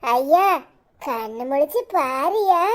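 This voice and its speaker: A woman's voice: high-pitched, expressive, slow, pitched below the performer's own voice. A woman with a Kanyakumari Tamil accent voicing an anxious village mother who scolds and pleads with her son in a cartoon. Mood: scolding, pleading. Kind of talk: cartoon voice acting.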